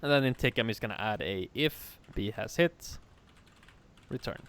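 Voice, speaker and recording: A man's voice: lowish voice, animated, moderate pace, a bit bright, smooth. A man teaching a live coding lesson in a casual way, laughing and swearing freely. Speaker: programming teacher.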